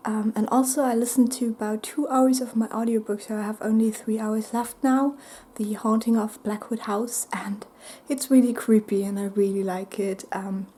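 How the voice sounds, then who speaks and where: A book vlogger chats casually to camera, hoarse and half whispering because she has nearly lost her voice. Her mid-range voice is soft and halting, with many pauses.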